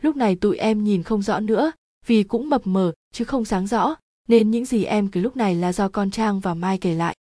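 Woman storyteller, casual slangy horror narration, warm dark tone, dry close sound. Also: mid-range voice, moderate pace, dry recording. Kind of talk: reading a first-person horror story aloud.

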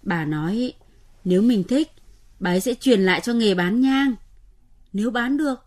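A woman's voice: on the high side, expressive, normal speed, darkish tone. A teasing young woman. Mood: coaxing. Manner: teasing, coaxing, practical. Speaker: radio drama actor. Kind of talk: radio drama acting.

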